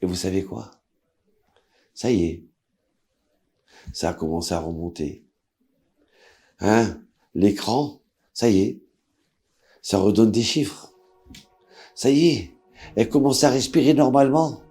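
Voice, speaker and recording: A man, a rabbi, telling a story aloud with drama, acting out the people in it and swinging from hushed to loud. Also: on the low side, slow, long pauses, soft background music. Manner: dramatic, voices characters with big swings in loudness. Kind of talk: emotional spoken storytelling.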